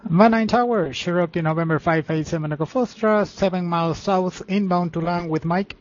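A male pilot makes radio calls in a high voice. He talks fast with slightly hesitant, informal phrasing. The cockpit radio sounds muffled. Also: a little hiss or hum. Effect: aviation radio transmission. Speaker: private light-aircraft pilot.

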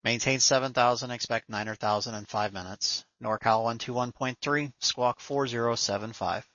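A man's voice: mid-range voice, moderate pace, a bit bright, no room sound, lo-fi sound. A man working as an air traffic controller, giving procedural instructions over the radio. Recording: dry, band-limited radio audio.

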